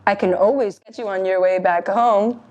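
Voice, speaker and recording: A woman's voice: medium pitch, steady tone, normal speed, a little mellow, lo-fi sound, lightly acted. A woman voicing a greedy male troll who lives under a bridge and roars at goats, in a storybook reading. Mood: gruff. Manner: roaring, bossy.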